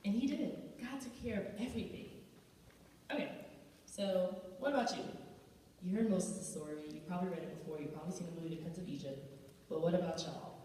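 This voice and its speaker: A woman's voice: fairly low pitch, fairly quick, dark tone, slight background noise. A young woman in her twenties giving a casual youth sermon, chatty and full of "like" and "y'all". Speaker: youth ministry speaker. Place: large banquet hall. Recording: echoey hall from far off.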